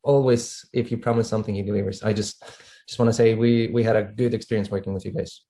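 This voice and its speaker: A man chatting casually on a live broadcast, speaking haltingly and repeating phrases. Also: lowish voice, fairly even intonation, mellow.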